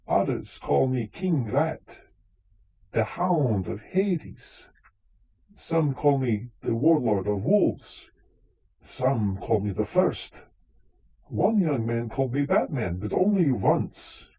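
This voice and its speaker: A man's voice: mid-range voice, warm tone, husky, exaggerated voice, rough recording. A man playing a vain, touchy, centuries-old vampire count in comic live radio theater, with a theatrical, formal way of talking. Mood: suave, boastful. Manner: theatrical, dryly boastful, formal phrasing.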